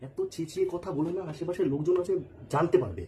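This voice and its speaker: A woman playing a patient, puzzled husband who coaxes and gently teases his sulking wife in a comic sketch. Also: on the high side, racing, far from the mic, natural voice. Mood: hushing. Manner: coaxing, bewildered, teasing. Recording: echoey room with crowd noise.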